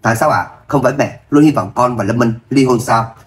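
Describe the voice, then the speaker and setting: A man reading as a gentle pleading young wife. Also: medium pitch, brisk, natural voice. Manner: soft pleading. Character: gentle dutiful young wife torn between family.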